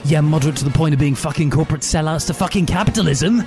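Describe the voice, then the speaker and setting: A man's voice: fairly high pitch, fast talker, over music, voice pushed up, natural voice. A man doing a screeching teen boy revolutionary. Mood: ranting. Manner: yelling, screeching and swearing. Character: furious ranting teenage boy wizard revolutionary.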